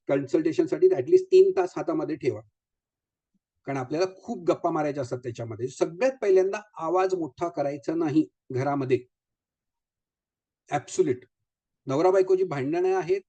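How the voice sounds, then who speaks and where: A man's voice: on the high side, warm tone, muffled recording. A man, a vastu consultant giving a live talk to an audience. He speaks in a chatty way, drops English phrases into his speech and keeps asking rhetorical questions.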